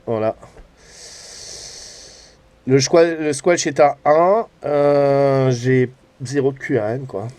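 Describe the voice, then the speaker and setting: An amateur CB radio hobbyist hosts his own channel, giving casual, rambling vlog commentary that hesitates and often trails off into little tag words. His mid-range voice is a little mellow, he talks slowly with frequent pauses, and there's no echo.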